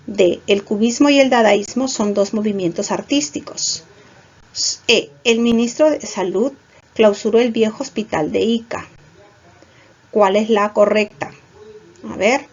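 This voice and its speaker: A woman's voice: medium pitch, darkish tone, slightly rough. A woman teaching a class, explaining each point step by step and checking in with her students. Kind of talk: online class lecture. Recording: dull lo-fi recording.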